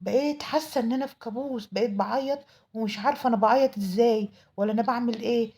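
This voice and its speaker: A woman's voice: fairly high pitch, very fast, a little mellow. A woman with an Egyptian Arabic accent telling a dramatic first-person story, in an emotional, pleading manner. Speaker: storyteller narrating a mother's tale.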